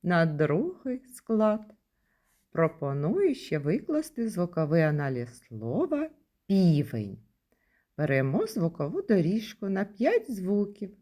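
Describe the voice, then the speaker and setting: A Ukrainian kindergarten teacher leads a lesson for small children, speaking slowly and patiently in a mellow voice. Her delivery is sing-song, with huge pitch swings, as she lifts each key word with rising pitch so they'll catch it.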